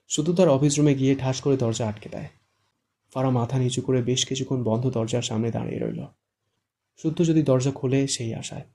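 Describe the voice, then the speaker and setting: A male audiobook narrator reads in an even, measured storytelling manner. His voice is gravelly, with a dark, mellow tone. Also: mid-range voice. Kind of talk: scripted narration.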